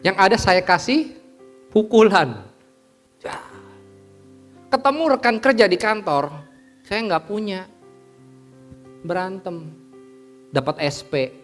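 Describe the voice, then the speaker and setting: A man preaching a sermon in a church, lively, asking the congregation questions and acting out everyday scenes. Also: sits high, slow, long pauses, faint music behind.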